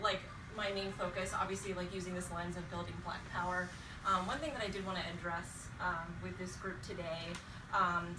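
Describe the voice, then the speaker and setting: Impassioned woman speaker in a roomy hall. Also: fairly low pitch. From North Carolina, USA. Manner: impassioned and direct, with frequent "um" fillers. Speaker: panel speaker at an organizing event. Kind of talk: prepared speech delivered to a group. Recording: roomy, distant mic, clear background noise.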